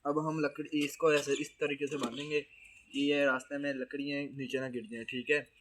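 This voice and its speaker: Pakistani vlogger, chatty and direct, outdoor farm work, faint noise behind. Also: male voice, on the high side, little pitch movement, moderate pace, fairly bright tone. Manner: chatty, addresses viewers directly, calls out to helpers. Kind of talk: casual vlog commentary while working outdoors.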